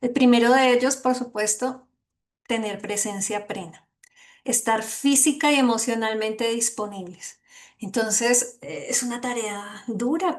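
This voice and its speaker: A woman giving an online lecture as a course instructor, earnest and gently emphatic, often checking in with her listeners. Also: on the high side.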